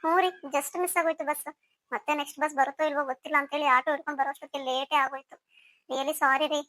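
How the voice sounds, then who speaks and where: A woman's voice: sits high, little pitch movement, rapid-fire, pushed and bright, dry recording, clean studio sound. A woman voicing a young female student and wife in a cartoon, talking in an earnest, polite, reproachful way. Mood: apologetic. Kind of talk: cartoon voice acting.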